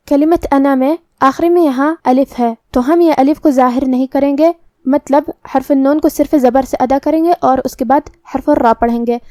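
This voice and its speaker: A woman teaches Quran recitation rules in a patient, methodical way, going through each letter and vowel in turn. Her voice sits high in pitch. The recording is dry and close, with no room sound. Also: a little mellow, no echo. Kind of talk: tajweed lesson with slow recitation.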